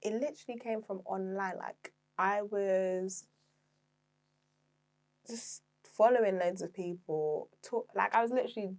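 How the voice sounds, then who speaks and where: A young woman as a guest in a casual podcast interview, talking in an unhurried, supportive way. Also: medium pitch, darkish tone. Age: young adult. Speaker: guest, interior decor founder.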